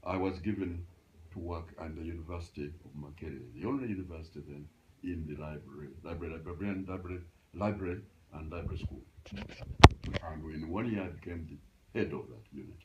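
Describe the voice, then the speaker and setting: A man in his eighties from Uganda, reminiscing in a home interview, halting and restarting as he recalls his past. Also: sits low, lo-fi sound, heavy background noise. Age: 80s. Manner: halting, restarts often, animated when recalling. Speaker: interviewee, grandfather. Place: grandparents' house, indoors.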